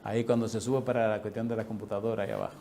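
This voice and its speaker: A middle-aged man preaches as a pastor and tells a personal story. He acts out the dialogue and laughs often, and his delivery is animated. Faint noise sits under his voice. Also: on the low side, very fast, gravelly.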